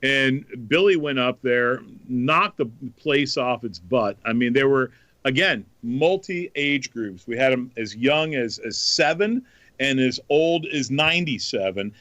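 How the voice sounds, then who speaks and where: A man hosting a podcast in casual chat, telling stories in an animated way. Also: mid-range voice, unhurried, dry recording. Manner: animated storyteller. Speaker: podcast host.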